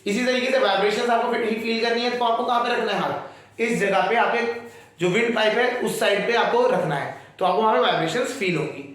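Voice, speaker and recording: High-voiced male teacher in an echoey room. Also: fairly quick, fairly bright tone. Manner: explains patiently and keeps checking if students follow. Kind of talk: classroom science lecture.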